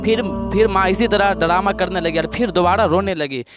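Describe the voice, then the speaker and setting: A man's voice: sits high, over music. A man preaching through a moral story, repeating and restarting his phrases and calling his listeners brothers.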